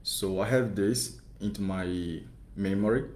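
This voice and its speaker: A young man in his twenties with a Brazilian Portuguese accent, speaking in a fairly low voice. He talks in careful, hesitant English and is polite throughout. His voice carries through an echoing parish room. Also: unhurried, darkish tone, slight background noise. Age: 20s. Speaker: seminarian guest.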